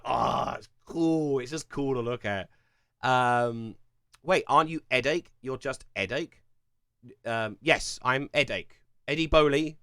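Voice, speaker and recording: A man's voice: mid-range voice, fairly bright tone, smooth, no echo, clean studio sound. Chatty man with a Kent accent. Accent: English, Kent. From England. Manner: rambling, chatty, lots of fillers and restarts. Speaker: streamer answering chat. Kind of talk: casual live-stream chat.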